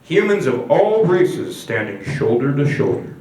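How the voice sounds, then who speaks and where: A man voicing a smooth male narrator of a propaganda film, in a slow, solemn announcer delivery. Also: a little high, big pitch swings, a little mellow. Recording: echoey room, mic at a distance.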